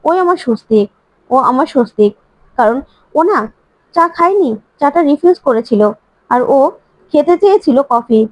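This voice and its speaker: High-voiced woman retelling a soap plot. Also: no room sound, rough recording. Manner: acts out every character's lines, rising into excited and pleading outbursts. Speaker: narrator. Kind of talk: serial drama recap storytelling.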